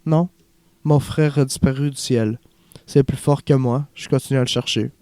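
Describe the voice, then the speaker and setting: A man voicing a young male refugee who dreams of acting, earnest and haunted, in a soft confiding way, for an audiobook. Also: medium pitch, fairly even intonation, normal speed, no room sound, close to an everyday voice.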